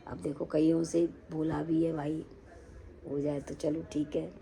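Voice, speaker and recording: A middle-aged woman vlogs from home, chatting casually with viewers as if they were friends and family, calling them sister and brother. Her voice is low, flat, creaky, and a little slow. She's heard over music, and the audio quality is poor.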